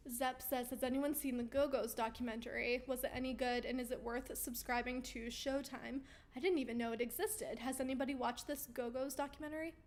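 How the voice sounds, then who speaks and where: Hosting a weekly live Q&A stream, a woman chats casually and reads viewer comments aloud even as she loses her voice. Her pitch sits high, her intonation is fairly even, and she talks fairly quickly with hardly any pauses. She's chatty and upbeat, full of ums and easy laughs.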